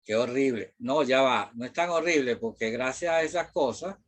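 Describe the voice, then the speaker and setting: A man's voice: mid-range voice, moderate pace. A middle-aged man from Venezuela with a Venezuelan accent, a math teacher talking casually and rambling, with many fillers and mild swearing. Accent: Venezuelan Spanish. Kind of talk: casual classroom talk.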